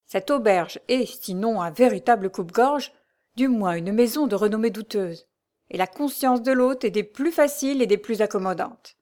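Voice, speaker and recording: A woman reads a classic novel aloud as its narrator. Her delivery is measured and even, paced for storytelling. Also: fairly high pitch. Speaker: audiobook reader.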